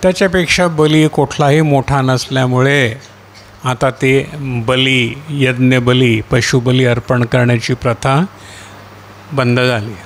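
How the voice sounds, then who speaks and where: A male pastor preaching a sermon, questioning his listeners and echoing the reader's words, climbing high and fervent as he voices the martyrs' plea. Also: steady tone, slow, a little hiss or hum. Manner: rising to a high, impassioned pitch when voicing the martyrs' cry; asks the congregation questions and echoes the reader.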